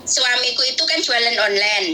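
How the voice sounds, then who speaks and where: A woman calls in over a tinny phone line. Her voice is very bright and a little high. She rambles, repeating words as she tells her story. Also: moderate pace, slight background noise. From Indonesia. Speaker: caller, domestic worker.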